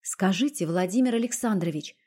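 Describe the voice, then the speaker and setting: A woman's voice: medium pitch, fairly quick, warm tone, husky, close to an everyday voice. A woman voicing an emotional young noblewoman who stays dignified through tears. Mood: tearful firm. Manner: tearful yet dignified.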